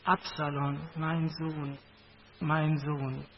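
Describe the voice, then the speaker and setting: A man reading out the lines of a grieving aged king who mourns his son, in a slow, pleading voice. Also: high-pitched, a little hiss or hum. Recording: dull lo-fi recording.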